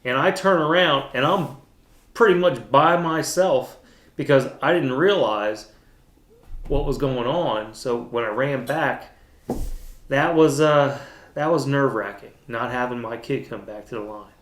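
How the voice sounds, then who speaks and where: Middle-aged dad recounting events for an interview, earnest, stop-start delivery, recorded with roomy echo. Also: male voice, medium pitch, fairly bright tone. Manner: earnest, halting with restarts and repeated words. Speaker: racer's father and mechanic. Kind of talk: interview storytelling.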